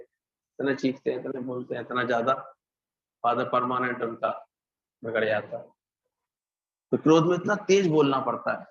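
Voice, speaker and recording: Man preaching in an echoey hall. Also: medium pitch. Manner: conversational preaching, rhetorical questions, mimics loud and hushed speech. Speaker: spiritual teacher. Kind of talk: Hindi satsang discourse. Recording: echoey, dull lo-fi hall recording.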